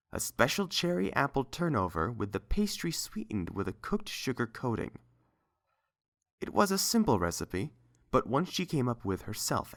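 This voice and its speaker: The speaker is an audiobook narrator telling a scripted story, steady in pace but with a lively, shifting melodic pitch.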